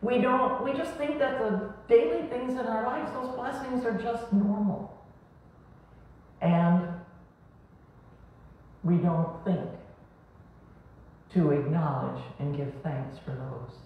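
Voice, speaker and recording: A woman preaching a sermon in a small church, her slow and deliberate words rising and falling for emphasis. The sound comes from a camera well across the room, so heavy echo fills the space and the audio is dull and muffled. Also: medium pitch, distant mic. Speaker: pastor. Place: small church sanctuary, indoors. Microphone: far camera.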